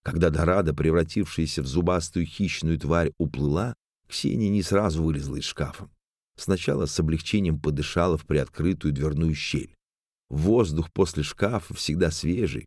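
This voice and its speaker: A man's voice: a bass voice, moderate pace, a little mellow, dry recording. A man narrating an audiobook on a close studio mic.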